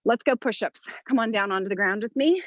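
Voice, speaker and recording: High-voiced woman coaching a home workout. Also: fast talker, dull audio, slight background noise. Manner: motivational coaching in short commands and counts; exerting while talking, audible breaths and sighs. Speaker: fitness instructor, workout host. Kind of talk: instructing a follow-along home workout.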